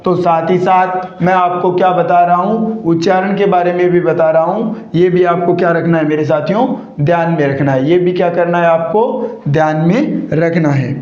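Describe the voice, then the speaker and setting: A man's voice: high-pitched, fairly even intonation, normal speed, hardly any pauses, darkish tone. A male teacher giving a grammar lecture, who keeps asking the class questions and answering them himself, repeating each key point. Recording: echoey, dull lo-fi room sound.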